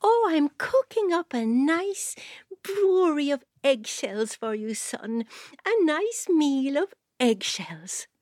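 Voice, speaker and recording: A woman voicing a farm mother in a folk tale, in a high, sing-song motherly tone. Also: sing-song, takes it slowly, a little mellow, no echo, clean studio sound, heavily acted. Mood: sweet.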